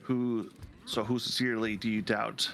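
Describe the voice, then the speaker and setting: A man's voice: lowish voice, level tone, moderate pace, vocal fry, a bit bright, slight background noise. A man playing a story game on a shared stream, reading dialogue aloud and chatting casually, sometimes stumbling over words.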